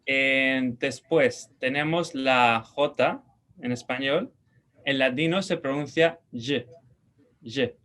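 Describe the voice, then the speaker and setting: A man's voice: medium pitch, bright, forceful tone. Spanish-man teaching a language lesson. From Spain. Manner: patient, repeats words slowly for pronunciation; checks in with short questions.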